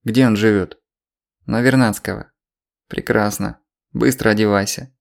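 A man reading an audiobook, voicing a gruff, sardonic middle-aged official woken in the night. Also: on the low side, steady tone, a little slow. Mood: curt.

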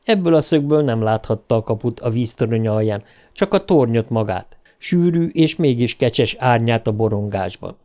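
A man narrating an audiobook in a measured, even storytelling manner. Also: mid-range voice.

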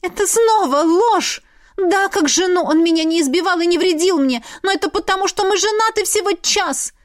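Woman voicing a frantic pleading young heroine. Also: normal speed. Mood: desperate. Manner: shrill, pleading outbursts.

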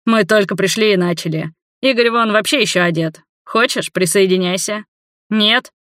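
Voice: mid-range voice, moderate pace, fairly bright tone, no room sound, studio quality, pitched above the performer's own voice, lightly acted. A reader voicing a careless young man who talks in an offhand, mocking way in an audiobook. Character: smug, careless young party host.

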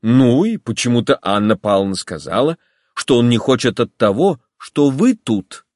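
A man reading an audiobook voices a calm, gentle young woman who speaks softly and reasonably. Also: medium pitch, dry recording, clean studio sound. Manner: soft, measured, reasonable. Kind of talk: audiobook character voice.

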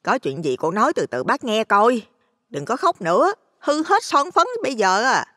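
Man voicing a middle-aged village gossip woman, fawning and nosy, high lively pitch, long reverb. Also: moderate pace, heavily acted.

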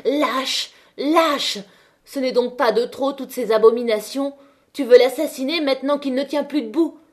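A woman reading aloud voices a young miner woman shouting accusations at a crowd, shrill and indignant. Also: normal speed, natural voice. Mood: furious.

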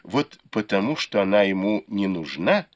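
A man voicing a gentle, patient young maid who speaks quietly and politely. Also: fairly low pitch, sing-song, normal speed. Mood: soft, deferential.

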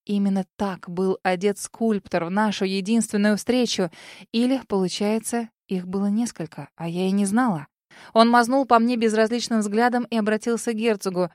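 A woman's voice: medium pitch, fairly even intonation, normal speed, a little mellow, no echo. Woman narrating an audiobook, dry sound. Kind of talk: scripted narration.

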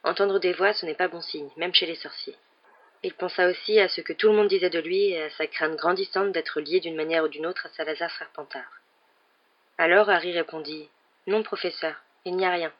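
A man reading a children's fantasy novel aloud as scripted narration, lifting his voice for the characters' lines. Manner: reads all the characters with raised pitch for quoted lines. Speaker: audiobook reader. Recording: dull lo-fi recording.

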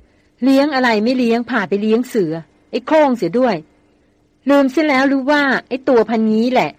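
A woman's voice: high voice, a little fast, a little mellow, no room sound, pitched above the performer's own voice, close to an everyday voice. A woman reading aloud as a blunt grown man who teases and grumbles. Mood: grumbling.

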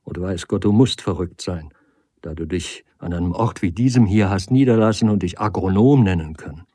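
A man's voice: low voice, normal speed, mellow, slightly rough, dry recording, studio quality. A man reading the part of a desperate woman who weeps, pleads and reproaches her lover. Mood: pleading. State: crying.

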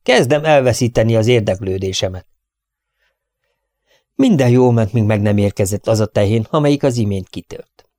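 A man reading an audiobook in steady, measured narration on a close studio mic. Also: lowish voice, no room sound. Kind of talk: scripted narration.

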